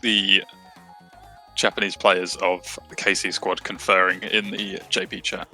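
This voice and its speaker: A man's voice: sits low, flat delivery, unhurried, vocal fry, pushed and bright, soft background music. A British man casting a live esports match, chatty and self-mocking. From Britain. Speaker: esports caster.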